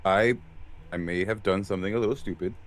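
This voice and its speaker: A man's voice: sits low, fast talker. A man playing a tabletop game, hesitant and stammering as he speaks in character. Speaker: player. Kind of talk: casual tabletop role-play.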